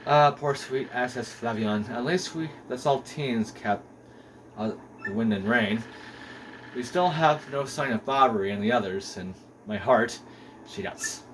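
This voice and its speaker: A man's voice: mid-range voice, a little slow, a bit bright, slight background noise, voice pushed down, lightly acted, low-quality recording. A man voicing a pompous, grandiose male aristocrat with theatrical, self-important delivery while reading game dialogue aloud. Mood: melodramatic.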